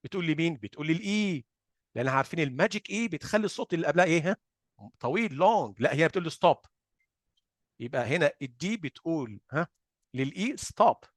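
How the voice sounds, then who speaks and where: An Egyptian-accented man gives a phonics lesson in a slightly raised voice, asking questions and answering them himself. He stretches example sounds out slowly to demonstrate them. The recording is dry and close, with no room sound. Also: fairly high pitch, animated, no room sound. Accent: Egyptian Arabic. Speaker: phonics teacher. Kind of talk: explanatory lesson.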